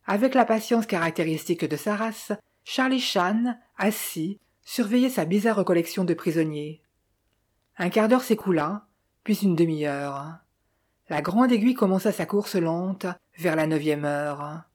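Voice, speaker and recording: A woman reading a detective novel aloud with steady, even storytelling. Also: lowish voice, measured pace. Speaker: audiobook reader. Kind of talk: scripted narration.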